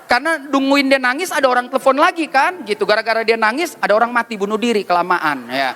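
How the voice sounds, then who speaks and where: A male pastor, preaching a lively, joking sermon in street slang at a retreat. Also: very high voice, fast. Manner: joking, teasing, slangy storytelling. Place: church retreat session.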